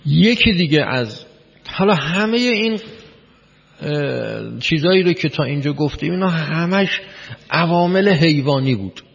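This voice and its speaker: A man's voice: on the high side, lively intonation, vocal fry. A man giving a spoken lecture, explaining step by step, repeating key words and putting questions to his listeners. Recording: long hall reverb, dull lo-fi sound.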